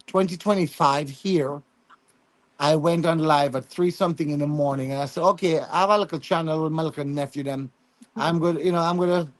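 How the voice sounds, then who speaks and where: This interview guest's voice is on the high side, and the recording is rough but free of echo. He speaks with a Jamaican accent and drops in Patois phrasing, spinning casual stories with plenty of emphasis and frequent repetition.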